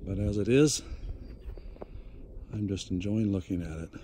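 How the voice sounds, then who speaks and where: A middle-aged man gives a relaxed, chatty, folksy walking tour of his farm, shot outdoors on a handheld phone amid snowy fields and woods. His voice sits fairly low and sounds warm, and he talks a little slowly. There's slight background noise.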